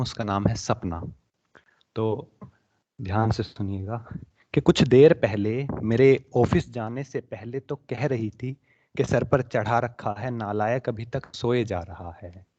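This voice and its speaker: A young man reciting his own emotional poem at a student poetry competition, his voice swelling with feeling and then dropping to soft, hushed passages. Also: fairly low pitch. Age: young adult. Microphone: online webinar microphone. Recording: dull lo-fi webinar audio.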